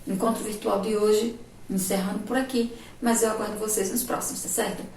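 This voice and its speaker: A woman's voice: medium pitch, flat delivery, darkish tone, reverberant, slight background noise. Woman, Sergipe Brazilian accent, primary teacher, remote lesson, patient, distant mic, faint room ambience. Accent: Sergipe Brazilian Portuguese. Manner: slow, patient, asks checking questions. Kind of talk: remote spelling lesson for young children.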